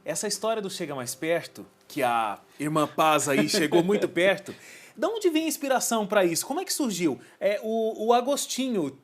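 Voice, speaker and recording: A man's voice: sits high, big pitch swings, moderate pace, hardly any pauses. A man hosting a TV interview, prompting his guest with questions. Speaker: TV talk show host.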